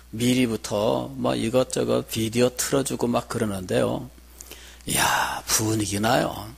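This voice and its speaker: Husky-voiced middle-aged male pastor preaching. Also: medium pitch. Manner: conversational storytelling, asks the congregation questions. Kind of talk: sermon.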